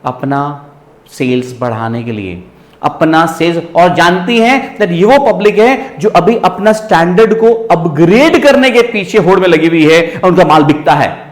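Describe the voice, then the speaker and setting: Male teacher, high-pitched and lively, lecturing in an echoey room. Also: measured pace. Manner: lively, asks students rhetorical checks, mixes English into Hindi. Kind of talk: classroom lecture.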